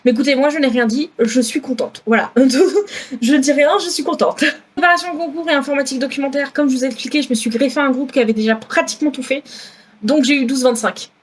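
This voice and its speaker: A student vlogger in her twenties from France speaks fast in a high voice with a southwest French accent. She chats casually, filling her talk with fillers and self-corrections.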